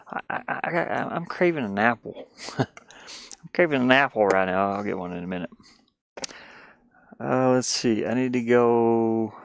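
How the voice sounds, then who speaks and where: While doing a hands-on DIY project on a live stream, this man thinks aloud and meanders through every step, talking casually to his audience. He has a mid-range voice with vocal fry, recorded at studio quality with no room sound.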